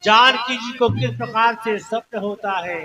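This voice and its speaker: A man narrating a devotional folk stage play, with drawn-out chanting delivery. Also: very high-pitched, over music. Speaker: narrator and singer.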